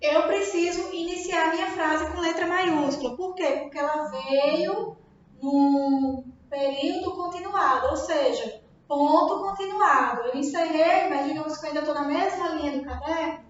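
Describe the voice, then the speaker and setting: Brazilian teacher lady, high voice, lots of "tá?" and "entendeu?", super echoey dull recording. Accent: Brazilian Portuguese. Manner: didactic, checks understanding with tag questions. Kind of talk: recorded classroom lesson. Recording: very echoey room, dull sound.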